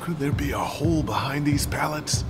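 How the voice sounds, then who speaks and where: An actor playing a steady, protective survivor in a video game, earnest and reassuring. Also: male voice, fairly high pitch, moderate pace, music in the background, lightly acted. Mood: determined. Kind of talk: dramatic video game acting.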